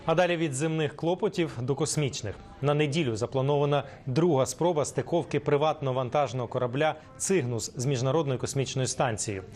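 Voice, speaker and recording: A man presenting a television news program in a measured, formal way. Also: medium pitch, darkish tone, soft background music. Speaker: news anchor.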